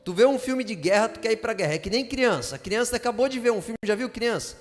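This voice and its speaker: A man pastor teaching a sermon in a church, lively and often asking the congregation to answer back. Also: very high-pitched, fast talker, big-room sound. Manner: lively, asks the congregation for replies. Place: church sanctuary.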